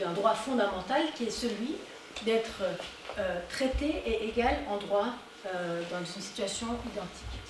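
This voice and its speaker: A woman giving a conference talk, animated and emphatic on her key points. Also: medium pitch. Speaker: conference speaker. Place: conference hall. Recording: echoey hall, distant mic, noisy.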